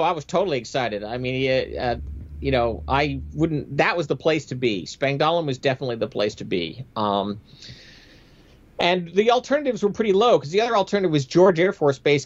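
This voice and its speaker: With a mid-range voice and the high frequencies missing from the audio, a former military aviator, a middle-aged American, tells stories from his past. As an interview guest, he speaks conversationally, with emphatic, no-nonsense delivery.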